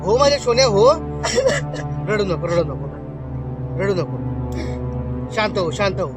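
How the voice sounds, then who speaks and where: A man playing a gentle farmer father who soothes his weeping son, repeating calming words. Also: extremely high pitch, a little slow. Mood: soothing. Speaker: actor. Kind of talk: short film acting. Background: film music.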